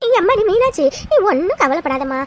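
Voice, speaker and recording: A woman's voice: extremely high pitch, big pitch swings, brisk, a little hiss or hum. A woman voicing a fussing, exclaiming elderly woman. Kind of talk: cartoon voice acting.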